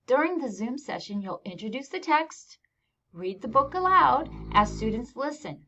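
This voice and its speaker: A woman with an American accent, acting as a teacher trainer, delivers scripted instructional narration, explaining things plainly with informal touches. Her voice is on the high side, pushed and bright. The voice-over recording sounds dull and lo-fi, with slight background noise.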